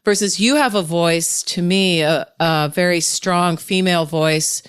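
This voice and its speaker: Smooth-voiced woman podcast host. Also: on the low side, a little slow. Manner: chatty and reflective, with frequent affirming murmurs and laughs. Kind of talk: conversational podcast interview.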